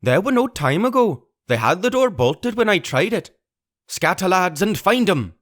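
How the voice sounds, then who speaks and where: A shrill, raging blind pirate. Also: male voice, very animated, normal speed. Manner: shrill, shouting commands and curses. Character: blind old male pirate beggar, vicious and raging.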